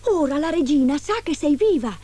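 Anxious little dwarfs from a fairy tale, crying out in very high, urgent, bossy voices, as a woman narrator puts them on. They sound frantic and loud. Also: animated, a little fast.

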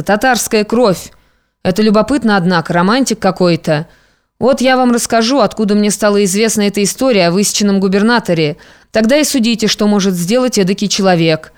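An audiobook narrator reading a classic novel in an even, measured storytelling manner. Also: mid-range voice, smooth.

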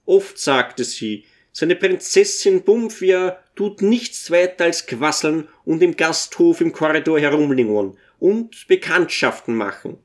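A man's voice: fairly high pitch, expressive, unhurried, hardly any pauses, voice pushed up. A man reading aloud and voicing a bashful old dwarf servant who speaks humbly and timidly. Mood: humble. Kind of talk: audiobook character voice.

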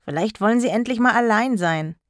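A woman's voice: fairly high pitch, lively intonation, fairly quick, no room sound, lightly acted. A woman voicing a cheeky teenage schoolboy who speaks bluntly, in a dry storybook recording.

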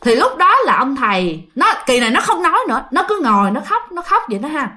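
A lively woman narrating a spooky tale to her audience. Her voice sits high and swings widely, with a bright, forceful tone as she acts out each voice. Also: fast talker. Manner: animated, addresses listeners directly, acts out voices. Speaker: storyteller. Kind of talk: spoken ghost-story telling.

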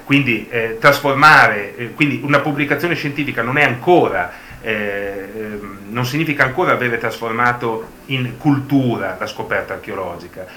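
A man's voice: mid-range voice, normal speed, few pauses, bright, forceful tone. A man giving a discursive, reflective public talk, hesitating often and seeking agreement with short question tags. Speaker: presenter at a book presentation. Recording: echoey room, faint ambient noise.

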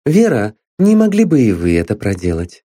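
A man reading an audiobook, voicing a calm, cool-headed young woman detective who speaks softly and politely. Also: fairly low pitch, moderate pace, no room sound, studio quality. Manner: soft, calm and composed.

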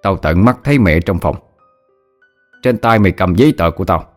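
A man's voice: low-pitched, lively intonation, normal speed, soft background music. A man voicing an angry wealthy master of the house who interrogates harshly. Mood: furious.

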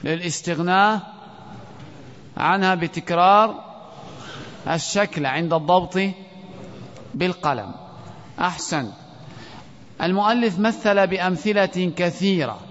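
A man's voice: sits high, lively intonation, a bit bright. Man teaching grammar in reverberant hall. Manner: questioning students, reciting verse slowly. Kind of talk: grammar lesson in a classroom. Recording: dull lo-fi audio with long hall reverb.

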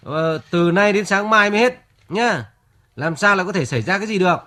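An actor playing a stubborn, dismissive older village farmer in a radio drama. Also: male voice, sits high, a little fast, pushed and bright. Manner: dismissive, stammering.

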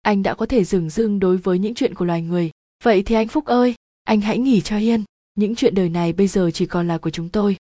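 A woman's voice: medium pitch, fast talker, dark tone, no room sound, clean studio sound. A woman reading a literary story aloud as narrator, dramatic and emotive.

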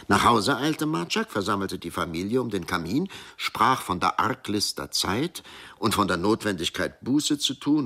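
A man's voice: on the low side, gravelly, pushed and bright. A man narrating a folk tale as a storyteller who speaks directly to his listeners.

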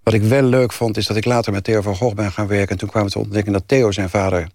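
A man's voice: fairly low pitch, fast, dry recording, clean studio sound. An older man, an author, telling anecdotes as a guest in a radio interview. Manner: animated storyteller, rises when telling family anecdotes.

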